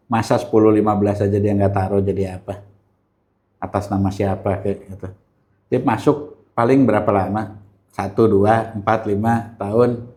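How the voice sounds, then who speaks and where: This man's voice sits on the low side with a slightly mellow quality. Chatting casually with a Jakarta Indonesian accent, he spins colloquial stories in slang, playing out snippets of dialogue punctuated by rhetorical questions.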